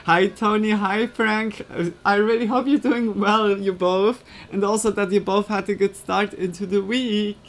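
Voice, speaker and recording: A woman's voice: medium pitch, steady tone, a little slow, hardly any pauses. A woman chatting casually and giggling on a live stream, with loose non-native phrasing, into a USB desk microphone.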